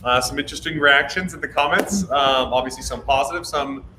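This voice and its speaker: A man's voice: medium pitch, brisk. A man hosting a livestream, chatting casually about a show he works on. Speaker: livestream host, show creator. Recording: echoey room, faint background noise.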